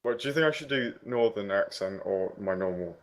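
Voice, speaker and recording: A man's voice: on the low side, expressive, a little fast, a crowd in the background. A man hosting a casual podcast, laughing and restarting his intro lines. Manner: giggly, stumbling over intro takes. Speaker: podcast host. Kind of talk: casual chat.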